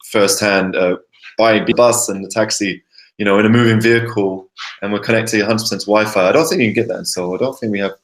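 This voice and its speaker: A man talking in a casual chat, halting and repeating his words as he goes. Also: on the low side, fairly even intonation. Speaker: host.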